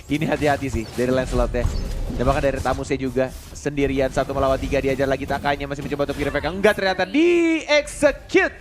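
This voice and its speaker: A man with an Indonesian accent giving live play-by-play esports commentary, excitable and shouting rapid calls at big moments. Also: medium pitch. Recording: loud music under the commentary.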